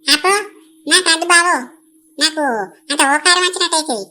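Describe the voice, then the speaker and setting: A woman's voice: very high-pitched, fairly even intonation, moderate pace, pushed and bright. A woman doing a chatty Telangana village neighbor. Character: fussing middle-aged village woman neighbor.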